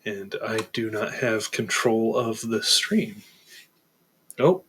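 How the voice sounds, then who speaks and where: A man's voice: lowish voice, slow pace, fairly bright tone. A man chatting casually and unscripted as co-host of a live stream. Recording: faintly noisy live-stream audio.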